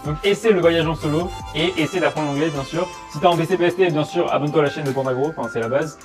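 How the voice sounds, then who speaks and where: A man's voice: on the high side, quick pace, over music. A young man from France, chatting informally with many fillers, giving study and travel tips straight to the viewer in a casual vlog.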